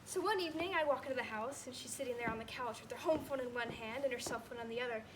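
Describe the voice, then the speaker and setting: A student actor in her late teens performs a stage monologue on a school theater stage, playing a divorced grown son who tells stories about his mother and mimics her lines. Her voice is a little high, fairly bright, quick, and close to everyday speech. The recording is low quality and hissy.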